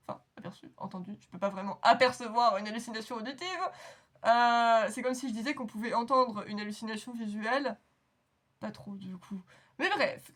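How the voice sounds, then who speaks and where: A woman hosting an anime reaction video, chatting casually in a rambling, giggly, self-mocking way. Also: on the high side. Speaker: anime reaction channel host.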